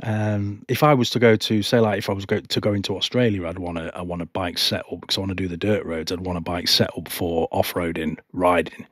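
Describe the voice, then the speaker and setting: A man chats to camera from home about motorbike touring, nervous and rambling, often restarting his sentences. His voice sits low and husky, and the recording is close and dry. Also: level tone, brisk, few pauses, a bit bright, dry recording. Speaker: motorcycle vlogger. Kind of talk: casual talk to camera, reading viewer questions. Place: home, not a studio. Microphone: home microphone.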